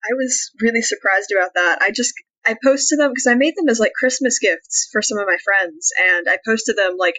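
A young woman being interviewed on a podcast, talking in a chatty way full of "like" and quick laughs. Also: a little high, sharp tone, rough recording. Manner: chatty, uses many fillers like "like", laughs often. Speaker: guest, dice maker. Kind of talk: casual interview.

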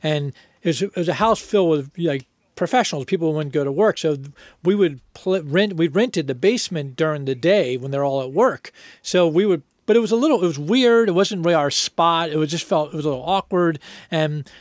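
Middle-aged guy, kinda high voice, telling stories, laughing a lot, dry close sound. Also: fairly quick, dry recording. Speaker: band member telling stories. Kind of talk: casual conversational storytelling.

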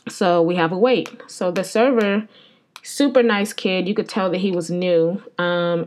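A woman's voice: lowish voice, darkish tone, a little hiss or hum. A woman hosting a podcast, telling a story in a rambling, profane, exasperated way. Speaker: podcast host. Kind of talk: casual storytelling.

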